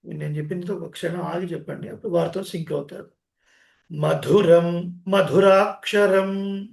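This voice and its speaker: A man teaching Sanskrit verses in an online call, chanting each line slowly and correcting how it is pronounced. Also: on the high side, steady tone, gravelly, warm tone, reverberant. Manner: slow, drawn-out chanting, correcting pronunciation. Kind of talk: chanting lesson with call and response. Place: online meeting.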